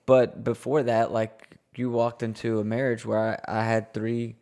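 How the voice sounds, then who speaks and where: An easygoing man co-host chats in a mid-range voice, agreeable and quick in his bursts of speech. He keeps the talk relaxed and conversational throughout. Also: medium pitch. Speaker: podcast co-host. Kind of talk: casual chat.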